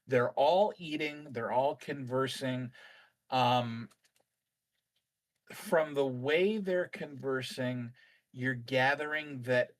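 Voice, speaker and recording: A man's voice: medium pitch, poor audio. A man improvising narration as game master of a tabletop roleplaying game.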